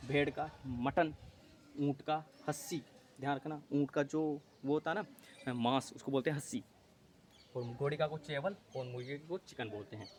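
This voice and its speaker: A man's voice: fairly high pitch, steady tone, normal speed, darkish tone, a little hiss or hum. Man drilling exam terms aloud. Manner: repetitive, asks and answers own questions; drills terms, self-corrects often. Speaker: teacher. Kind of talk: exam-prep lesson.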